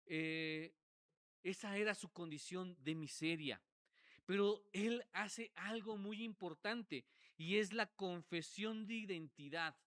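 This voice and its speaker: Earnest preacher, slow, smooth and dry. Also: male voice, no room sound. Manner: earnest preaching, swings from loud cries to hushed low asides; repeats words and restarts phrases. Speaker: pastor. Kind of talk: sermon.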